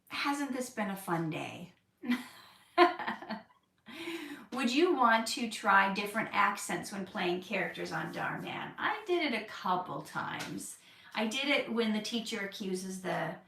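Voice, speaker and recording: An actress takes questions on a casual livestream, candid and quick to laugh. She has a mid-range voice with vocal fry and a bright, forceful tone. She sounds far from the mic, off-axis, with a roomy echo around her.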